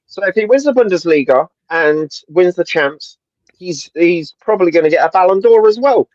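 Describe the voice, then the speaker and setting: A high-voiced man co-hosts a football chat. He talks in laddish banter and keeps adding bro and mate. His audio comes through dry and slightly muffled, like a call. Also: lively intonation, normal speed, a little mellow, no echo. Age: 40s. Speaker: co-host. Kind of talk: casual livestream chat.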